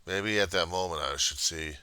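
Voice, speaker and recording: A man giving a casual, profane confessional monologue in a halting, raw and emotionally weary way. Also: low voice, pushed and bright, clear, resonant tone, no room sound. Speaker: personal video diarist.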